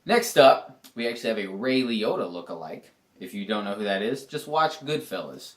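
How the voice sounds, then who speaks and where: A man co-hosting a casual review chat, animated and opinionated. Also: fairly low pitch, moderate pace. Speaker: co-host reviewing a reality show.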